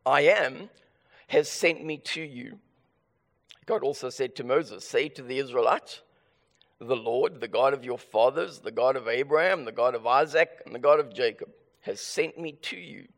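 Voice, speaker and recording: A pastor with a South African accent preaches a sermon and reads scripture in a large hall. Illness has made his medium-pitched voice raspy and hoarse, and he speaks earnestly at normal speed with frequent restarts.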